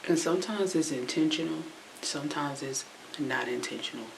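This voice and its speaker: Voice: medium pitch, normal speed, gravelly, poor audio. A reaction channel host giving casual, chatty commentary with slang and fillers. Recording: hissy recording.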